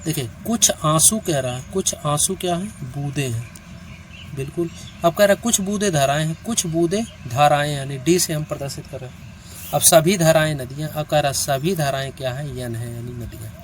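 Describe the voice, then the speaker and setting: A reasoning teacher for competitive exams, speaking at normal speed in a fairly high voice, works through each problem step by step online. He counts steps aloud and often asks whether the listener has understood, with faint traffic audible behind him.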